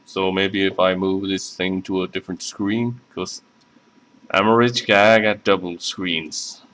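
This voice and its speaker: Low-pitched and level, with a fairly bright tone, a Southern-accented man speaks a little slowly during a casual live stream. He's a scale model builder working at his hobby desk, rambling, poking fun at himself, and using plenty of fillers.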